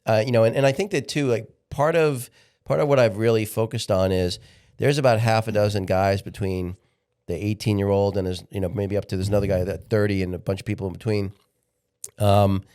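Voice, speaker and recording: A man's voice: on the low side, darkish tone, clear, resonant tone. A man of sixty, a podcast guest talking candidly in a casual interview, often restarting his sentences. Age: 60s. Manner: candid, halting, repeats words when restarting.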